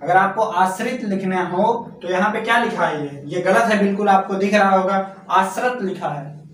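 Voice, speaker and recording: A man with a high voice teaches an exam-prep spelling lesson, coaxing his students and repeating each word. He is recorded from a distance in a very echoey room. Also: normal speed, a bit bright. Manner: repetitive, coaxing, keeps asking the class questions and calling them friend. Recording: echoey room from far off, faint noise.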